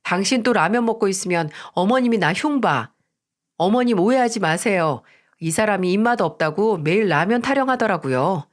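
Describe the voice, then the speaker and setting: A woman's voice: medium pitch, animated, moderate pace, natural voice. A woman voicing a curt, defiant daughter-in-law. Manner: curt, dismissive and defensive. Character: defiant, resentful young wife and daughter-in-law. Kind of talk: Korean radio story drama.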